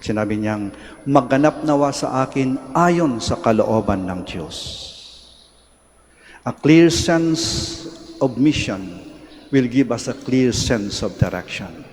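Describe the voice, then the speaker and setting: A male priest with a Filipino accent, reading the Gospel and preaching in a measured, reflective way, his voice ringing with long church reverb. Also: mid-range voice, animated, a little mellow. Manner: measured, reflective, switching between two languages. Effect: long cathedral-like church reverb. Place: large church. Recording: echoey church hall, faint background hiss.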